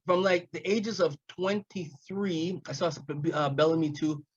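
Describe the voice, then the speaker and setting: On dull, low-fidelity audio, a man in his fifties, originally from Jamaica and raised in Montreal, appears as a comedy guest in an easygoing interview. He tells meandering stories, laughs frequently, and restarts his lines, speaking unhurriedly in a higher, slightly breathy voice.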